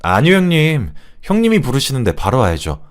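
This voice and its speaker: A man's voice: medium pitch, wildly swooping pitch, a little fast. A man voicing a polite, eager-to-please young man who is his sister's boyfriend, speaking in a raised, respectful tone for a told story. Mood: ingratiating.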